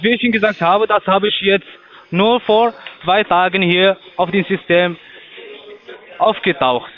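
Man, call center agent, high voice, halting broken speech, tinny phone line. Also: steady tone, soft background music. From Portugal. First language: Portuguese. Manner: halting, broken German, long-winded.

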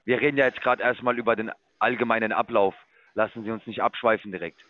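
A man's voice: lowish voice, steady tone, quick pace, no room sound, highs cut off. A man working as an investment sales caller, lecturing and condescending as he walks a customer through a sign-up. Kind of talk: phone sales call.

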